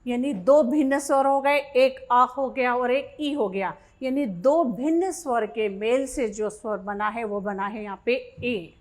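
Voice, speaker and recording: A woman with a fairly high voice teaches a grammar lesson at an unhurried pace. She reads each question aloud, repeats it, and walks through the answer step by step, like a patient exam-prep tutor. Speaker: Hindi teacher.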